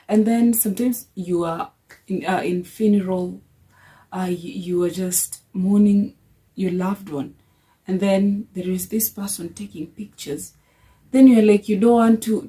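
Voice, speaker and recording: A woman's voice: medium pitch, warm tone, low-quality recording. A young woman vlogging a heartfelt faith reflection, earnest, telling personal stories with many restarts.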